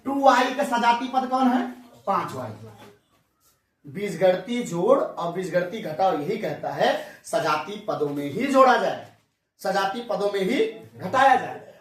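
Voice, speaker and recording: High-voiced man teaching in an echoey room. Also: lively intonation, measured pace, fairly bright tone. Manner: folksy, asks the class questions and answers them himself. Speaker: math teacher. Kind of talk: classroom math lesson. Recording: echoey room, mic far off.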